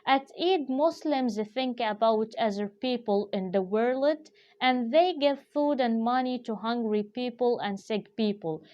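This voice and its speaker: Slow careful woman teaching English. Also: on the high side, a little mellow. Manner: slow, careful explaining with frequent fillers. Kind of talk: vocabulary lesson. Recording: dull lo-fi recording.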